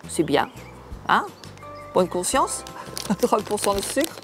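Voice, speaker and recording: An older woman talks through a food box in a relaxed, homely way, pausing and restarting as she goes. Her voice sits at an ordinary middle pitch. Soft music plays faintly underneath. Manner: chatty, homely, halting with restarts. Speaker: cooking channel host. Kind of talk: casual unboxing chat to camera.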